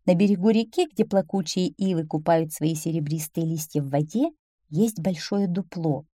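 A woman reading a children's tale aloud with expressive, animated storytelling. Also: on the low side, normal speed, no room sound, clean studio sound.

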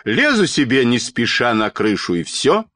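A man reading a storybook aloud and voicing a dignified, strong-willed elderly grandmother in a shrill, indignant tone. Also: wildly swooping pitch, normal speed, fairly bright tone, no echo.

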